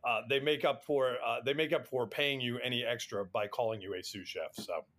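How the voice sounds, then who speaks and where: A man's voice: medium pitch, brisk, fairly bright tone. A middle-aged man from the United States, a podcast guest telling anecdotes casually in a wry, self-deprecating way. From United States, Atlanta area. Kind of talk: casual anecdotal interview chat.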